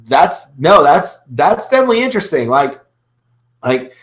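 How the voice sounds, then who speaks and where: A man hosts a casual reaction video, commenting with gushing, repetitive fan enthusiasm in a fairly high, sing-song voice at normal speed. The recording has a roomy echo with faint music behind him.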